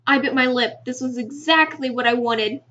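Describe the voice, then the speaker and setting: A woman reading a visual novel aloud with expressive asides, laughing easily and tripping over words. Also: sits high, normal speed, lo-fi sound. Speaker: gamer narrating a visual novel.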